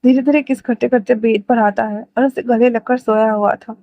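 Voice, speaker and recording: A woman reading an emotional romance story aloud as a storyteller, in an expressive manner, on a dull, dry home recording. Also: a little high, moderate pace, no echo.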